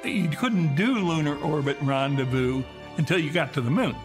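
Guy with slightly high voice explaining history in a documentary interview, music playing. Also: moderate pace. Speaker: documentary commentator.

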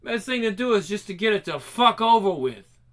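An actor playing a hardened, profane crew leader with a British accent in a video game cutscene. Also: male voice, high voice, sing-song, fairly quick, a bit bright. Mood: blunt. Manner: blunt, profane, dismissive. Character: hardened gruff man, blunt leader of a crew.

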